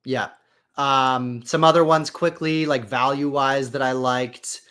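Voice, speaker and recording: A man's voice: medium pitch, fairly even intonation, slow, a bit bright, smooth. A man co-hosting a livestreamed podcast, giving rambling, opinionated draft analysis with lots of fillers, with traffic noise around him. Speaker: podcast co-host. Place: outdoors in city traffic.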